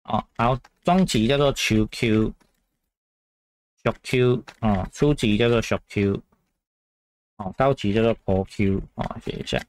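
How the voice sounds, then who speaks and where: A man walks through exam questions in a casual, chatty way, repeating each point and dotting it with filler sounds. His voice sits low, and the recording is dry and close. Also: measured pace, pauses often, no room sound. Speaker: Japanese teacher. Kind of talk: grammar lesson explanation.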